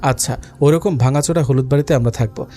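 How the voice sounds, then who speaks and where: A man voicing a worried young father who speaks softly and tenderly to his small son in an audio story. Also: mid-range voice, fast talker, close to an everyday voice.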